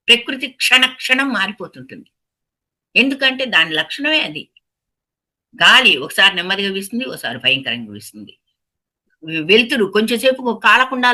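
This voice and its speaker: A woman's voice: a little high, sharp tone. A woman giving a spiritual talk as a meditation teacher, who asks her listeners rhetorical questions and repeats phrases for emphasis. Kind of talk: spiritual discourse.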